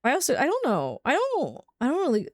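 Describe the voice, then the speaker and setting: A woman's voice: high-pitched, wildly swooping pitch, fairly quick, no room sound, studio quality. A young woman streaming a game at home, chatting casually with viewers, laughing often and filling her talk with "like". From United Kingdom. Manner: chatty and giggly, many "like" fillers.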